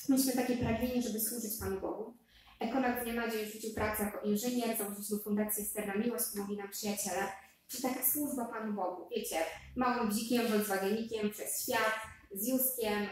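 A woman in her thirties telling a lively personal story to an audience, speaking to them directly between fillers. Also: a little high. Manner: animated, addresses listeners directly, with fillers. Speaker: speaker giving a faith testimony. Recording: very echoey hall sound.

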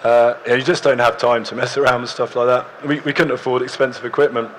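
A young man, slightly hoarse, giving an easygoing stage talk with dry humour in a large hall. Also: mid-range voice, little pitch movement, quick pace, a bit bright, a little hiss or hum. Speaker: presenter.

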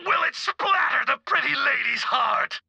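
A man voicing a deranged psycho brute in a video game, speaking grandiose, gory nonsense in a harsh gravelly rasp. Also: very high voice, lively intonation, sharp tone, no room sound, highs cut off, heavily acted. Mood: eager. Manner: slow, unhinged, grandiose word salad. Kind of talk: video game character acting.

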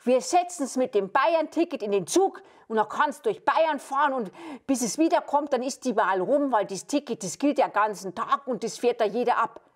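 A woman puppeteer voicing Seppel, a simple young lad with a Bavarian accent and a gruff, plain way of talking. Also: fairly high pitch, animated, normal speed.

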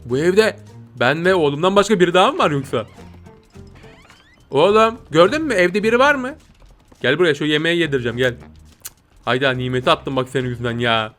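A young man giving playful, excitable commentary while playing a video game, often jumping to high squeals. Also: brisk, pauses often, soft background music. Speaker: gameplay streamer.

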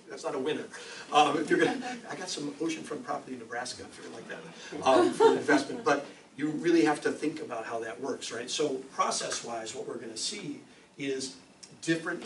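A man, a science teacher, giving a casual, jokey lecture with many ums and rhetorical questions. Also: mid-range voice. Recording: roomy echo, distant mic, faint noise.

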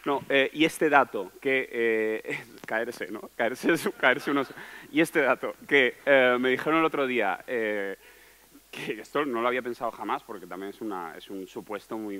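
A man performs an improvised comic monologue on a theater stage, with a bright, edgy voice at an average male pitch. He rambles and repeats phrases. He acts out overheard conversations, swinging between loud bursts and low mumbling. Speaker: stand-up comedian. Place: theater stage before a live audience.

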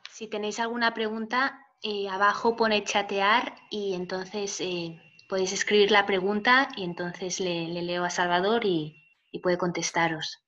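A woman's voice: mid-range voice, fairly even intonation, measured pace, fairly bright tone, muffled recording. A woman with a Spain Spanish accent moderating an online talk, explaining hesitantly how to send questions.

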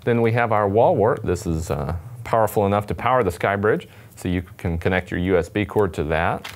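A man in his twenties, demonstrating products for a radio company, talks casually and cheerfully to the camera at a table on an indoor studio set. His voice is fairly low and a little fast, with background music playing.

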